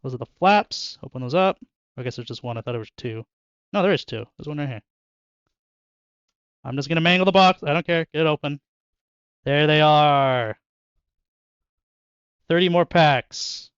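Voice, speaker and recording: A man's voice: a little high, moderate pace, pauses often, smooth, no echo, muffled recording. A young man chatting casually and joking with viewers while opening card packs in his bedroom, laughing often. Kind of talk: casual chat with live chat. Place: bedroom at home.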